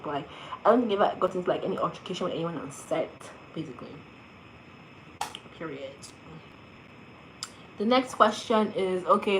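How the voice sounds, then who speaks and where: A young woman, an actress, answers fan questions in a casual vlog, telling her stories in a chatty, animated way full of "like" fillers. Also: medium pitch, slight background noise, poor audio.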